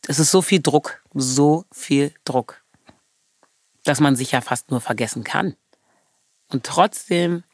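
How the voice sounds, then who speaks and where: A woman's voice: low voice, dry recording, clean studio sound. A woman from Germany, talking as an interview guest in an earnest, passionate way, stressing points by repeating words.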